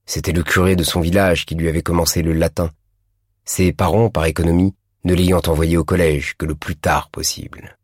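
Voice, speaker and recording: A man narrating a classic novel in a measured, deliberate reading. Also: sits low, flat delivery, slightly rough, no echo, studio quality. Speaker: audiobook narrator.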